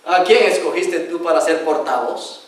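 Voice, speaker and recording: A stern, commanding God, as a preacher puts him on, firing off rebuking questions. The voice sits high and rings through a very echoey hall. It is heard from a distance from the mic. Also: male voice, moderate pace, natural voice.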